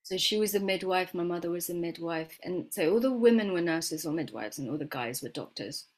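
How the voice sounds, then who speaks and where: With a lowish voice, animated and fairly quick, the herbalist guest reflects on her life in a conversational interview. Raised first in Florida and later in England, this medicine maker tells her story hesitantly, stumbling into fillers and starting over often.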